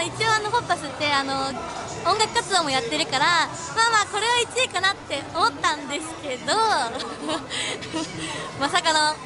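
High-pitched giggly young woman. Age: young adult. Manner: giggly, animated, exclamatory. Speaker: vlog host. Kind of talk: casual chat to camera. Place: large indoor amusement arcade. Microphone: handheld camera at arm's length. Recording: music and crowd noise behind.

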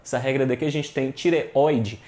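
A man's voice: medium pitch, fairly even intonation, moderate pace, a little mellow. A man with a Brazilian Portuguese accent teaching an online exam-prep grammar lesson, often addressing viewers directly and repeating rules emphatically. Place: online class.

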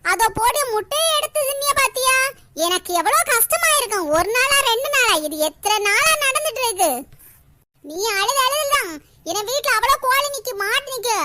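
A woman voicing a loud, sharp-tongued village woman in a cartoon, scolding and sarcastic. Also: very high-pitched, heavy background noise. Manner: scolding, sarcastic, rapid complaints. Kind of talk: animated cartoon voice acting.

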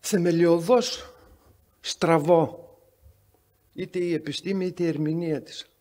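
A man's voice: on the high side, fairly even intonation, a little mellow. A man chairing a medical conference session, giving an introduction full of sarcastic, wry anecdotes. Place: conference hall.

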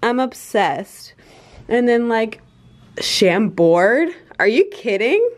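A woman's voice: on the high side, sing-song, takes it slowly, rough recording. A young woman vlogging casually, bubbly and rambling with lots of fillers, talking to a handheld camera. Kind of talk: casual vlog chat. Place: hotel room and travel.

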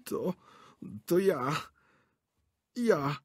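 A man's voice: medium pitch, animated, a little slow, darkish tone, husky, no echo, clean studio sound, pitched above the performer's own voice. A man voicing a cowardly old theatre director who pleads in a trembling, lisping whisper. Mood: pleading.

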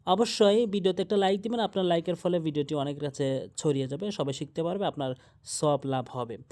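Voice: mid-range voice, a little fast, darkish tone. A Quran teacher giving a tajweed lesson, spelling out letters and vowel marks one syllable at a time and warning about common mistakes. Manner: warns of common mistakes, urges likes and subscribing.

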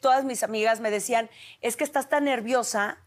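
A woman in her forties with a Mexican Spanish accent tells a personal story as a TV host. Her voice sits a little high, and she is lively and expressive, acting out the lines of the people she remembers. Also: fairly quick.

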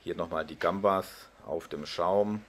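A man's voice: low-pitched, a little slow. A middle-aged man narrating a casual food vlog, chatty and enthusiastic as he describes dishes, filming on a phone held at arm's length. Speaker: food vlogger. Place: outdoors on a street and at a restaurant. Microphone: phone camera held at arm's length. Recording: noisy outdoor street.

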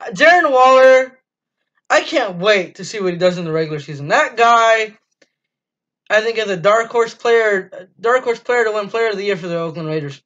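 This teenage boy's voice is high and a bit bright. He hosts a fan channel, giving an enthusiastic, casual postgame review monologue full of ums and restarts from a small, dim room, captured on dull lo-fi webcam audio.

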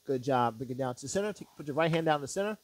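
A man working as a fitness instructor, guiding stretches with short, measured step-by-step directions and counts. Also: mid-range voice, expressive, no echo.

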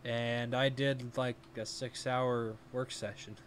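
A man's voice: mid-range voice, flat delivery, slow pace. A young man with a mid-range voice chats through his gameplay as he plays, explaining every step aloud to his audience. The recording was made on a home desk mic and carries a faint background hiss. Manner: chatty, talks through each step aloud. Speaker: let's play host. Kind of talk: casual gameplay commentary.

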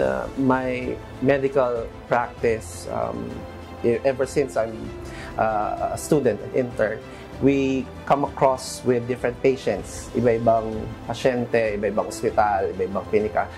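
Man, Filipino accent, thirties, halting and earnest, seated studio interview, clear music bed. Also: medium pitch, steady tone. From Philippines. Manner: earnest, halting, with frequent restarts and fillers. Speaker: interview guest, doctor. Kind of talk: sit-down interview, mixing English and Filipino. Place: bright studio room, seated on a sofa.

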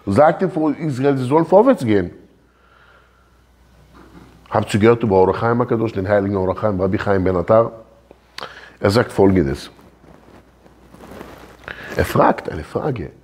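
Man rabbi teaching a class: lively swings in pitch, husky edge, keeps quizzing the room. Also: normal speed, long pauses. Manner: animated, questions the listeners directly. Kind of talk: religious lesson.

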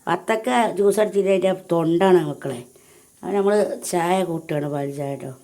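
A woman's voice: on the low side, brisk, warm tone. A woman, chatting casually to her viewers in a homely home vlog. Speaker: home vlogger. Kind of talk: casual chat to camera.

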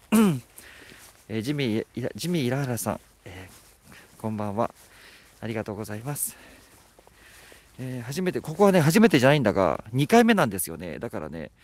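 A man's voice: lowish voice, a little mellow. A man live-streaming outdoors at night, chatting casually and teasing as he reads out viewer comments. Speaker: livestreamer. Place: outdoors at night at a rural spot.

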